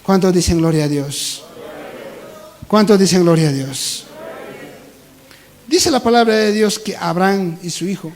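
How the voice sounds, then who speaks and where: Bolivian guy preaching, high voice, acts out the voices in his stories. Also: measured pace, long pauses, darkish tone, poor audio. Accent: Bolivian Spanish. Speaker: pastor. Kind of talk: sermon.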